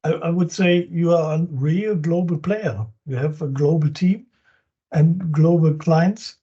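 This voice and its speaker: A man's voice: fairly high pitch, a little slow, mellow, husky. A man with a German accent hosting an interview, friendly and affirming, who restarts phrases in English. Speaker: interview host, business coach. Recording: dull lo-fi sound.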